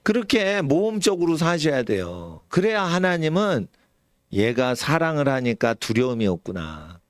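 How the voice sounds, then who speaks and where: Lively, animated male preacher. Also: a little slow, no echo, clean studio sound. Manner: animated, suddenly shouts or drops low, acts out quoted elders. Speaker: pastor. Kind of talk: sermon. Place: church sanctuary.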